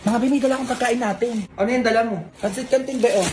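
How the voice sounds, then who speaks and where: A man's voice: very high-pitched, racing. A man performing a comedy skit in a campy, sassy, playful voice, switching between characters. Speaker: comedy skit creator playing every part.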